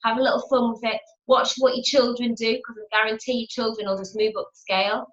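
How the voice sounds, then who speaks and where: A woman's voice: a little high, little pitch movement, brisk. A woman giving a chatty motivational teaching talk as a spiritual teacher, repeating her phrases and acting out inner voices. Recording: roomy, dull lo-fi home video.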